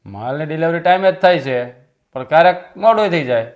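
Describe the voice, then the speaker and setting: An actor playing a resentful younger brother who insists on taking over the business in a family drama. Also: male voice, fairly high pitch, animated, fairly quick, highs cut off, lightly acted. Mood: defiant. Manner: defiant, insistent. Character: resentful younger brother demanding his share. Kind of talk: Gujarati family stage drama.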